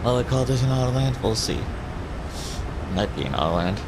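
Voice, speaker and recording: A man's voice: medium pitch, very animated, a little fast. A man flying a simulator, giving casual commentary and pilot radio calls. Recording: clear aircraft cabin noise behind voice.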